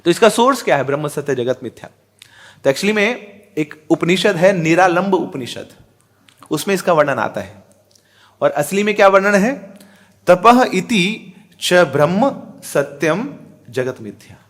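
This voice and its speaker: A man's voice: high-pitched, expressive, moderate pace, long pauses, fairly bright tone. A middle-aged man giving a spiritual discourse, asking rhetorical questions, chanting verses and mixing in English words. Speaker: spiritual teacher. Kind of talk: Hindi religious discourse.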